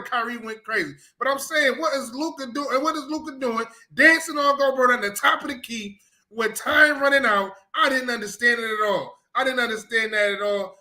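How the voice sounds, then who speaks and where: A man co-hosting a sports talk show, emphatic and excited, often repeating himself. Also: very high-pitched.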